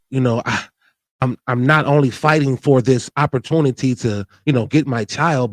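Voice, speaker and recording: Here a show host in his forties opens up sincerely about his life, frequently starting over and adding "you know what I mean." His voice sits in the mid-range, with no echo.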